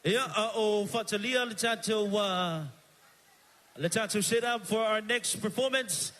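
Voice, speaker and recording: An energetic master of ceremonies with a Samoan accent hosts a live evening stage show, calling out to the crowd and switching between Samoan and English on a handheld mic. His voice sits high and his delivery is unhurried.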